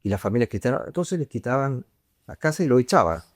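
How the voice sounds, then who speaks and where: A man's voice: medium pitch, very animated, quick pace, no echo. A man, a priest giving an informal retreat talk in a conversational way that often ends on a questioning tag. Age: 50s.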